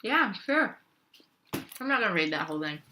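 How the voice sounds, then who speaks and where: Bright chatty woman eating on camera. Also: medium pitch, sing-song, normal speed, slight background noise. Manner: chatty, talks between bites with mouth full. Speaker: vlogger. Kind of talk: casual mukbang eating chat. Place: at home.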